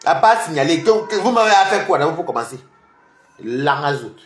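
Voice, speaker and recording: A man's voice: a little high, big pitch swings, a little fast, soft background music. A man, a social media commentator delivering a heated, taunting and combative rant. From Cameroon. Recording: roomy echoey room.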